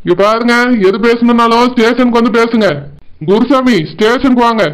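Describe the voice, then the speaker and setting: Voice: mid-range voice, steady tone, normal speed, clean tone, close to an everyday voice, poor audio. A voice actor playing a stern village police officer who lectures firmly. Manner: firm, lecturing.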